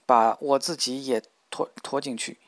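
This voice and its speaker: A man voicing a gentle, anxious young woman in an audiobook, speaking softly and pleadingly. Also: mid-range voice, steady tone, normal speed, dry recording, lightly acted.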